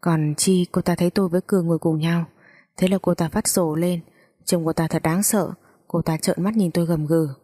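A woman reads a first-person story aloud at an even, steady pace. Her voice sits low and sounds mellow and soft-edged. She voices every character herself. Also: a little fast. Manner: plain steady reading, voicing all the characters.

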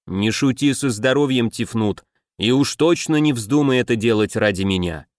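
A man voicing a calm, commanding half-orc king and captain in an audiobook. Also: medium pitch, moderate pace, no echo, natural voice. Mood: grave.

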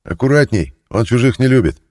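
Streetwise prison thief, loud and cocky, pitched up; a man reads him. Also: animated, a little fast, close to an everyday voice.

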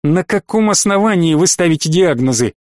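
A man's voice: a little high, animated, fairly quick, no room sound, studio quality, natural voice. A man reading an audiobook, voicing a cool, demanding lawyer with an icy tone. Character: cool, sharp-tongued lawyer.

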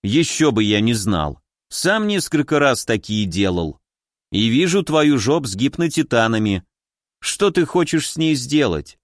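A man's voice: mid-range voice, sing-song, measured pace, no echo, studio quality. A man putting on a boisterous grumbling old mage. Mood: smug. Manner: indignant, teasing.

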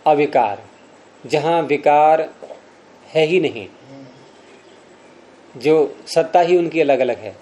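A mellow, fairly high-pitched man leads a class through a grammar text. He reads lines aloud, then breaks them down slowly and puts questions to his students. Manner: patient, questioning students, slows to spell out examples. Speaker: Sanskrit grammar teacher.

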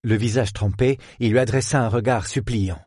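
A man narrating a novel as an audiobook, in a measured, literary storytelling manner. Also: mid-range voice, fairly even intonation, a little mellow, slightly rough, no room sound, studio quality.

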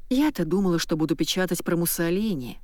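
A woman narrating an audiobook in the first person, in a wry, lively storytelling manner. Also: on the low side, quick pace, dry recording.

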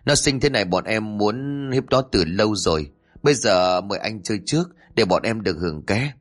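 Crude young thugs talk in an eager, coarse way, played by a male narrator. The voice is fairly low, with lively swings. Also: a little fast. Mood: leering.

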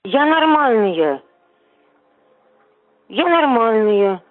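A woman's voice: on the high side, sing-song, very slow. A woman in her seventies on a phone call, indignant and argumentative, swearing when annoyed, heard over a tinny phone line. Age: 70s. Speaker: prank call target. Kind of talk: phone conversation.

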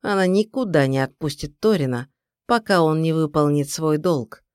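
A woman voicing a calm, grim young male king in an audiobook, speaking in a measured, reassuring way. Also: low voice, clear, resonant tone, no room sound, clean studio sound. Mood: calm, grave. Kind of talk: audiobook character reading.

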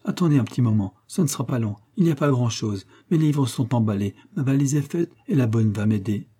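A man voicing a timid, gentle young girl who speaks softly and eagerly in a storybook reading. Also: medium pitch, expressive, breathy edge. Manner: soft, quick and eager.

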